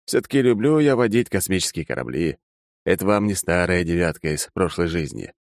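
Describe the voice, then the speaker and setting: A man's voice: deep voice, a little fast, gravelly, dry recording. A man reading a story aloud in a wry, sarcastic manner. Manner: wry, sarcastic, lively delivery. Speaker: audiobook reader. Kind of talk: scripted narration.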